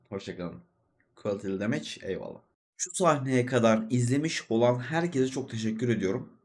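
A man's voice: medium pitch, darkish tone. A young man casually commenting over his gameplay, rambling and chatty as he talks straight to his viewers. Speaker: gaming video host and streamer.

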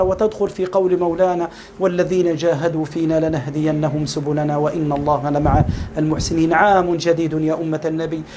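A male Egyptian preacher with a high voice, delivering a fervent sermon at a rapid clip. He keeps calling out to his listeners as beloved brothers. A faint hiss of noise sits under the recording. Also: darkish tone. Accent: Egyptian Arabic.

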